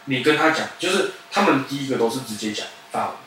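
A young man chatting casually as a podcast co-host, often cutting in with quick agreement. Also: mid-range voice, lively intonation, a bit bright, soft background music. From Taiwan. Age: young adult. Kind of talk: casual chat. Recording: echoey room, mic far off, faint noise.

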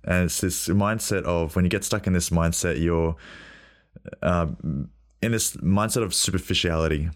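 A young man hosting his own podcast, speaking reflectively with a husky voice while getting over a cold. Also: deep voice. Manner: reflective, loose, frequent fillers and throat clearing. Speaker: podcast host. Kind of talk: solo podcast monologue.

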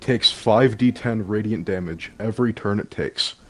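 A man's voice: fairly low pitch, normal speed, faint music behind. A man playing a tabletop game, hesitant and often stumbling over his words. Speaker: player.

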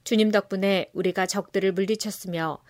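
Lady reading scripture slow and solemn, dead dry room. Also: medium pitch, fairly even intonation, darkish tone, no room sound. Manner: measured, solemn reading pace. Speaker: scripture reader.

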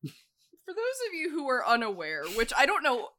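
American woman, podcast host, casual chat, swears a lot, bright forceful voice, a bit high. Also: huge pitch swings, normal speed. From United States. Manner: blunt, swears freely, rambling asides.

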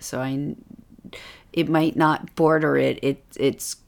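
Low, slow-talking middle-aged woman. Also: fairly even intonation, gravelly, darkish tone. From United States. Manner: earnest, hesitant, with halting restarts. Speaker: guest, the host's mother. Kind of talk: casual chat.

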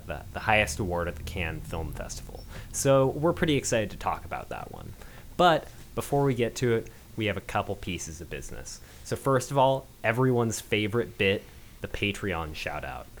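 Man, podcast host, lowish voice, easygoing delivery, remote mic, slight background hiss. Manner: relaxed, with fillers and restarts. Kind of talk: casual podcast chat. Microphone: remote call-in mic.

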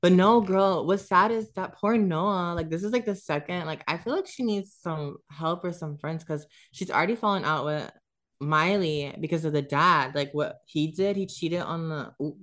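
A woman with a notably low, deep speaking voice, trading celebrity gossip in a relaxed podcast chat. She talks bluntly and emphatically, swearing freely as she makes her points. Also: normal speed. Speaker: podcast co-host.

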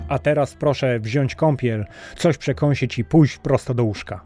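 A man doing a calm, confident physician. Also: mid-range voice, unhurried, faint music behind, natural voice. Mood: assured.

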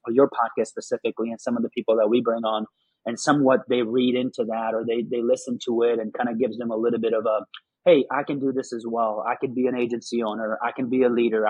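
Podcast host guy from afghanistan, chatty and rambly, husky voice, dry close mic. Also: medium pitch, level tone, quick pace, a little mellow, no echo, poor audio. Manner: friendly, frequent mm-hmms, rambling. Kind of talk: casual interview chat.

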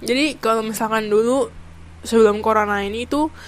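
A woman's voice: fairly high pitch, fairly quick, slight background noise. A young woman, rambling through a heartfelt personal story in a casual venting podcast.

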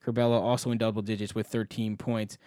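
A man's voice: lowish voice, little pitch movement, quick pace, mellow, no echo, studio quality. A man hosting a podcast, talking sports in a casual, conversational style. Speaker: podcast host.

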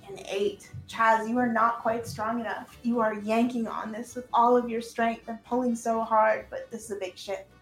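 A woman's voice: on the high side, little pitch movement, normal speed, hardly any pauses. A woman hosting and narrating an improvised tabletop game in a casual, encouraging way. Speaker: game master and host. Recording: echoey room, music behind.

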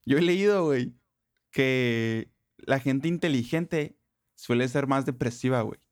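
A man's voice: medium pitch, measured pace, no echo. Slangy young northern Mexican man, dry recording. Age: young adult. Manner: profane, heavy street slang. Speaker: interview guest. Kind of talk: casual slangy chat.

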